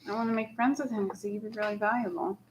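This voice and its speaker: A woman's voice: medium pitch, fairly even intonation, racing. A woman playing a tabletop game and talking casually with the group. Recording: clear background noise.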